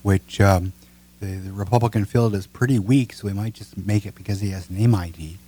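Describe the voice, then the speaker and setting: A man's voice: lowish voice, fairly even intonation, brisk, mellow, husky. A man co-hosting a casual political talk show, making blunt, sardonic remarks.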